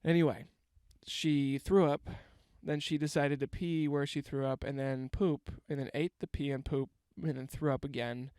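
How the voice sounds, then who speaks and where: A man's voice: on the high side, steady tone, moderate pace, few pauses, darkish tone, clean tone, no room sound. A young man with a stuffy, congested voice hosts a rambling, self-mocking comedy podcast from inside a parked van on a handheld mic. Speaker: podcast host. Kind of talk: casual comedic monologue. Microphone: handheld microphone.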